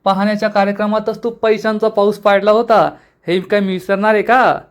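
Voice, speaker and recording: A man's voice: high-pitched, flat delivery, fairly quick, pitched above the performer's own voice, natural voice. A man voicing a middle-aged groom's mother who talks in a brusque, demanding way.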